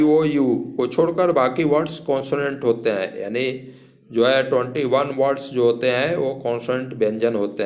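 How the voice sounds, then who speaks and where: A man's voice: medium pitch, a little mellow. A man teaching English in a lesson, patiently spelling words out letter by letter and repeating each rule.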